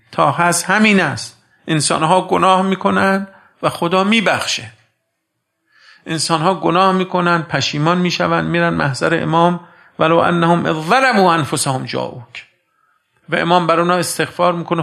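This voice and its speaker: A man preaching a sermon, telling a story and addressing his listeners as dear friends, swinging between hushed and emphatic delivery. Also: on the high side, gravelly.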